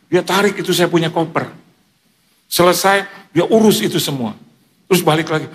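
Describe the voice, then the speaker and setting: A man preaching in a church, telling a funny story with lively quoted asides and frequent laughter. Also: high voice. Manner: animated, joking, mimics others in quoted asides. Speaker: pastor. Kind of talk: sermon with humorous storytelling.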